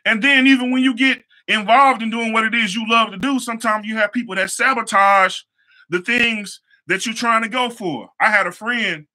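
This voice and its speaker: A young man who hosts a show and works as a hair stylist shares stories from his life as a motivational talk. His voice is high, very bright and sharp, and he speaks at a moderate pace. His delivery is casual, looping back on phrases and sprinkling in easygoing slang.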